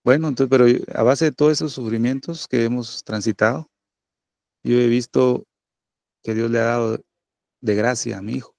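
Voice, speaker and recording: A man's voice: mid-range voice, fairly even intonation, normal speed, gravelly, long pauses, darkish tone, no echo. A middle-aged man, a pastor preaching a sermon in a conversational way, often tagging his points with little questions to the listeners.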